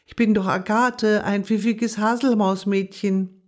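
A storyteller voicing a clever little hazel dormouse girl who talks to herself in an excitable way. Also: mid-range voice, unhurried, lightly acted. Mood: eager.

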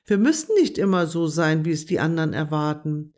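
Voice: medium pitch, a little mellow, natural voice. A storyteller voicing a clever, eager young female dormouse in a children's story. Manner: eager, quick-witted. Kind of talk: storybook reading.

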